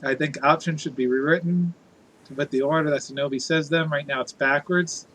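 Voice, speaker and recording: Man, slightly high pitch, bright forceful voice, playful casual streamer chat, theatrical delivery. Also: fairly even intonation, brisk, low-quality recording. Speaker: game live streamer. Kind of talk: casual live stream chat, reading viewer comments.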